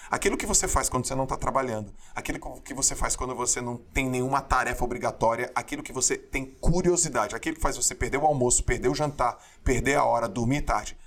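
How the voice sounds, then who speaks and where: A man's voice: medium pitch, quick pace, few pauses. A man in his forties, a former swimmer, telling stories in a casual interview and acting out the voices of people he quotes. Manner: animated storyteller, acts out quotes.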